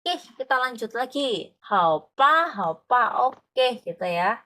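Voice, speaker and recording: A woman's voice: a little high, lively intonation, measured pace, pushed and bright. A woman tutoring Mandarin, explaining patiently and often checking that her student follows. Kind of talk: online language lesson.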